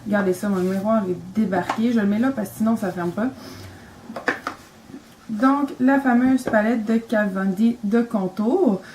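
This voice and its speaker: A woman's voice: mid-range voice, unhurried, background noise. A young woman with a Quebec French accent, talking casually and enthusiastically about her makeup, rambling with lots of fillers. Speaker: beauty vlogger.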